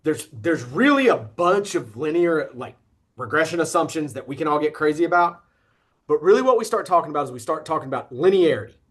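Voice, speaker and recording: A man's voice: fairly high pitch, fairly quick. A man in his thirties teaching an online statistics class over a video call, checking in often with "okay?". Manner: relaxed, repeats "okay?" to check in. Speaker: instructor. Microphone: computer mic on a video call.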